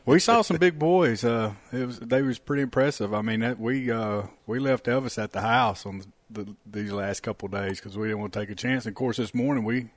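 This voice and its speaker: A man's voice: medium pitch, a little fast, hardly any pauses, dry recording. A man co-hosting a podcast, chatting in an easygoing way. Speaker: podcast co-host. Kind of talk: casual podcast chat.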